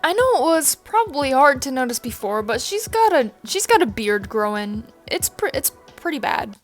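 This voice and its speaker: A young woman vlogging casually outdoors into a phone, blunt and excitable, swearing freely. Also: high voice, normal speed, soft background music. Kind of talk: casual chat to camera. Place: sunny, windy backyard outdoors. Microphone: phone held by hand.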